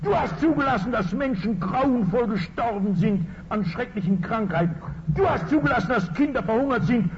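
A man voicing an angry working-class street agitator who accuses God in a loud, rhetorical way. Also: very high-pitched, expressive, normal speed, noisy background. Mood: accusing. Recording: dull lo-fi recording in a reverberant hall.

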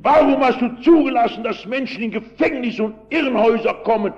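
Old preacher doing an angry miner yelling up at god, high and strained, muffled old recording. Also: male voice, brisk, faint music behind. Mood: furious. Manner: shouting, accusatory. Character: angry shouting male miner accusing God.

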